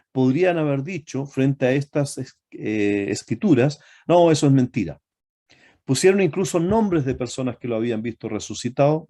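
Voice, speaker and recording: A man preaching a sermon to his congregation, often asking them rhetorical questions and pausing on fillers and self-corrections. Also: medium pitch, warm tone.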